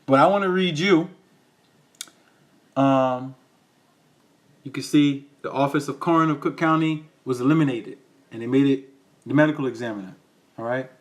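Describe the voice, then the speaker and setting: A man's voice: mid-range voice, moderate pace, pauses often. A man giving impassioned commentary as he reads from a county ordinance, asking "all right?" after his points and rising into an emphatic, preacher-like tone. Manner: tags lines with "all right?". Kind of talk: impassioned commentary reading from documents.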